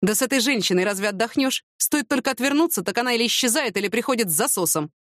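A woman's voice: on the high side, lively intonation, quick pace, fairly bright tone, no room sound, studio quality. A woman voicing a wry, grumbling middle-aged police major who teases his companion.

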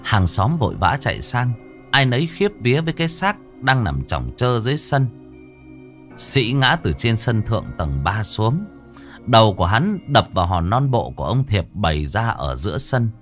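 A man with a low voice narrates a ghost story in a dramatic, scripted reading. His pitch rises and falls widely as he lingers over gruesome details, and faint music plays quietly underneath. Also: very animated, normal speed.

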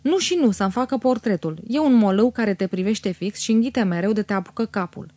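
A woman's voice: medium pitch, dark tone, no room sound, natural voice. Woman voicing a chatty, teasing young woman.

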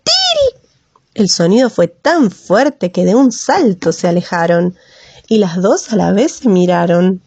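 A woman narrating a children's story in a slow, gentle, lilting way, close to the microphone. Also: mid-range voice, breathy edge, dry recording. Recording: slightly muffled dry recording.

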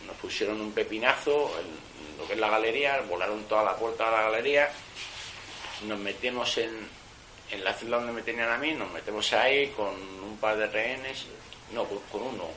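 A man tells a story in plain, streetwise speech, swearing freely and restarting sentences as he goes. His voice is bright and forceful. A faint noise sits behind him. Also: fairly low pitch, normal speed, rough recording. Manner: colloquial and blunt, with swearing and streetwise slang; animated retelling, with many restarts. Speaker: former prisoner giving a testimony. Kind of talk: casual spoken storytelling.

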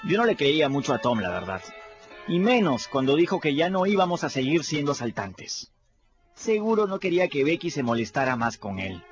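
An actor with a slightly high, very animated voice plays a scrappy, candid boy recounting his adventures in a radio drama, at normal speed. He chats and confides, speaking straight to the listener in a candid storytelling mood. The recording is dull and lo-fi, with music underneath.

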